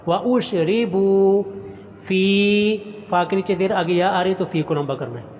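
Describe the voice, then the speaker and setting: A male Quran teacher recites each word slowly and drawn out, then explains its pronunciation briskly. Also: high voice, big-room sound, muffled recording, slight background noise. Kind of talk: recitation lesson.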